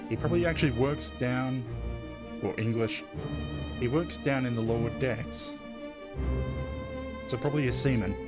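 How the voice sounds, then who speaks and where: A man's voice: mid-range voice, moderate pace, pauses often, loud music behind the voice. A man streaming a mystery game, thinking aloud in a hesitant, self-correcting way. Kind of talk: casual gameplay commentary.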